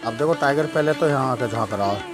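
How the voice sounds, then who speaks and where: A man's voice: mid-range voice, quick pace, music in the background. A man chatting casually at home, narrating his pet dog's antics and talking fondly to the dog.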